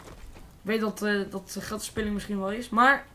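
A teenage boy with a Dutch accent commentates his shooter match live, casual and excitable, swearing freely. His voice is high and bright, with a faint hiss of background noise. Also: moderate pace. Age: teens. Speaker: gaming YouTuber.

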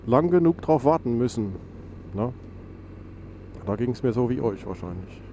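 A man's voice: mid-range voice, lively intonation, a little slow, dark tone, muffled recording. A man, stuffy and nasal from a cold, chatting casually while riding a motorcycle and rambling with many fillers. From Germany. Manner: rambling, self-correcting, lots of fillers. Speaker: motovlogger. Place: outdoors on a motorcycle on a country road. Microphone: helmet mic on a motorcycle. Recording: noisy motorcycle wind and engine.

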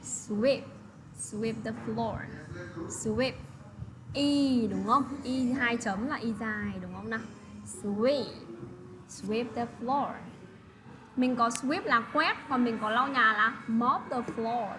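A woman teaching English words to children, repeating phrases slowly and checking in often with tag questions. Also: a little high. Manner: patient, slow model pronunciation with tag questions. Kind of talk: English lesson for children, explained in another language. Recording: steady background noise.

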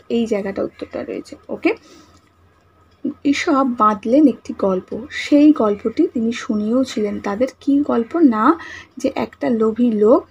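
A woman teacher with a slightly high voice walks the class through answers, speaking softly because talking is hard today. She repeats each answer and checks that the children follow. Faint noise hums in the background. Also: vocal fry, poor audio. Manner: patient, repeats answers and asks the class questions. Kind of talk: online class lesson.

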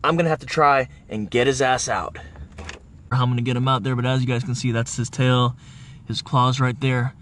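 A man's voice: mid-range voice, steady tone, a little fast, a bit bright, slight background noise. Chatty swearing young guy vlogging. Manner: swears a lot, chatty, straining and grunting while working. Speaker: iguana catcher and vlogger. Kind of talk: casual vlog talk to camera. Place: inside a car at night.

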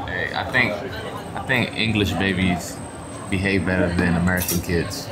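A man's voice: low voice, steady tone, moderate pace. Laid-back man vlogging. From Southern US (Atlanta). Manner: laid-back, slangy, talks to camera. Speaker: family vlogger, father. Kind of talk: casual travel vlog chat. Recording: loud background noise while traveling.

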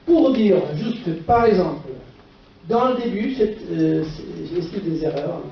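An older man with a Portuguese accent gives a conference lecture in halting French, asking short rhetorical questions. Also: high voice. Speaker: physician lecturer. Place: dark auditorium stage at a lectern. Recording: echoey hall, distant camera microphone, muffled, faint noise.

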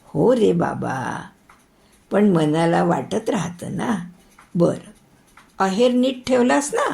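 A woman's voice: medium pitch, animated, slow, vocal fry, mellow, heavily acted. A woman voicing a caring elder sister who fusses over her brother in a spoken story. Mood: fussing. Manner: fussing, affectionate scolding.

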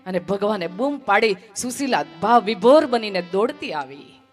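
A woman's voice: mid-range voice, expressive, normal speed, faint music behind. A woman from Gujarat telling a devotional story as a sermon, emphatic and fond of repeating phrases. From Gujarat, India.

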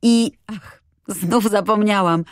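A woman's voice: mid-range voice, slow pace, no echo, clean studio sound, pitched above the performer's own voice, lightly acted. A woman reading an audiobook, voicing a cheerful, chatty little girl who talks eagerly.

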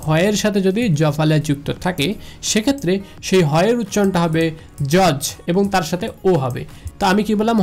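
A Bangladeshi man with a Bengali accent teaches pronunciation rules in a slide lecture, repeating each rule and asking the listener questions. His voice is high with a darkish tone.

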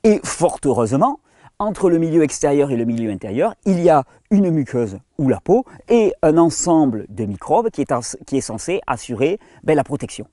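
A French-speaking man hosting a health channel, explaining at length in a casual tone to the viewer, with frequent restarts and study titles read in halting English. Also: fairly high pitch, very animated, mellow, no room sound, clean studio sound. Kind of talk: explanatory monologue.

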